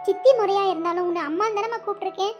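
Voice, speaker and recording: A woman's voice: very high voice, very fast, highs cut off. A woman voicing a distressed young bride in a cartoon, earnest and upset. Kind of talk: cartoon voice acting. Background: background music.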